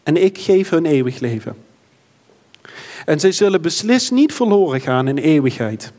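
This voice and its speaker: A man's voice: fairly high pitch, very animated, moderate pace, a little mellow. Earnest male preacher in reverberant church. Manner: earnest, rising to fervent emphasis. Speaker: pastor. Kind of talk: sermon and prayer.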